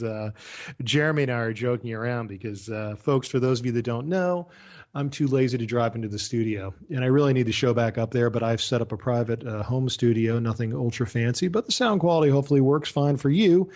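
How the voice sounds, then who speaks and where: A man's voice: mid-range voice, a little fast, a little mellow. A man hosting a talk radio show from his home studio, chatting casually with lots of fillers and small laughs. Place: home studio, talking over Skype.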